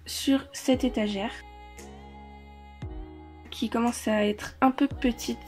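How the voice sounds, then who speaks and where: A woman's voice: a little high, fairly even intonation, slow, a little mellow, faint music behind. A woman vlogger in an indoor room, chatting casually as she lists her collection, with frequent hesitations. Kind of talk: casual show-and-tell. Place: indoor room shared with siblings.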